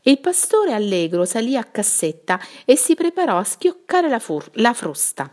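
A woman teacher reading a fairy tale aloud to children in an expressive storytelling manner. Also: on the high side, normal speed.

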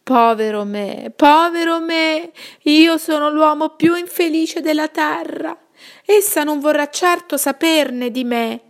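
A woman voicing a kind, ugly, lovesick duke who laments his fate in a high, loud, theatrical voice in a storybook reading. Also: big pitch swings, normal speed, lightly acted. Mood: lamenting.

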